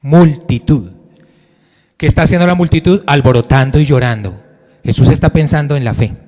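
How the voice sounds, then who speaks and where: A man preaching a Sunday sermon as pastor, asking the congregation questions and swinging between loud and quiet. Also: on the high side, moderate pace, long reverb tail. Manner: preaching with sudden rises and drops in loudness, direct questions to the congregation. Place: church hall.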